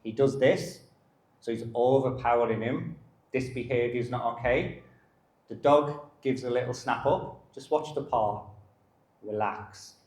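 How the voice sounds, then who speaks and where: A middle-aged man, a dog behaviour specialist, giving a live masterclass in a calm manner and short broken phrases. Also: mid-range voice. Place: live lecture venue. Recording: roomy echo.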